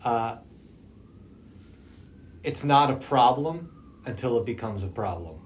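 A man's voice: mid-range voice, lively intonation, slow. A man hosting a casual podcast conversation, talking through a face mask so his voice comes out slightly muffled. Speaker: podcast host. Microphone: socially distanced podcast setup. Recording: muffled through mask, noticeable background noise.

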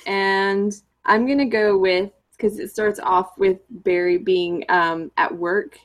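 Give me a woman at an ordinary pitch chatting on a podcast, upbeat and playful. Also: steady tone, slow. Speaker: podcast co-host. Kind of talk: casual chat.

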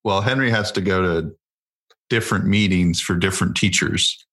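A man's voice: sits low, normal speed, fairly bright tone. A man co-hosting a casual family podcast, a parent who chats easily and drops dry, wry asides.

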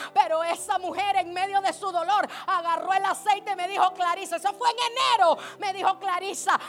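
A woman preaching with great fervor, her very high voice dropping to a hush and then rising to a shout. Music plays clearly behind her in the church service. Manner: impassioned, swings from hushed to shouting. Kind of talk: sermon.

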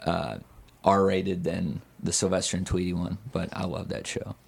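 A man's voice: deep voice, level tone, unhurried, creaky, darkish tone, breathy edge. A hungover man chatting candidly and casually as a podcast guest, a bit hesitant and rambling.

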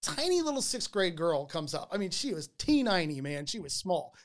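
This podcast host tells stories with animated energy and often stumbles through repeated words at the start of a sentence. The voice sits at a middle pitch and ranges widely as the story builds. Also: normal speed.

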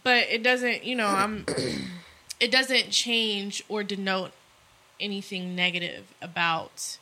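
A woman's voice: mid-range voice, fairly even intonation, slow pace, pushed and bright. A woman co-hosting a podcast, talking candidly and reflectively in casual chat, with some swearing. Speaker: podcast co-host.

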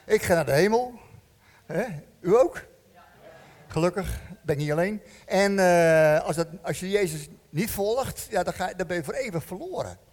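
A man preaching a sermon in a church, animated and joking, asking the congregation questions. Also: high voice, moderate pace. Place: church hall. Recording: long church-hall reverb.

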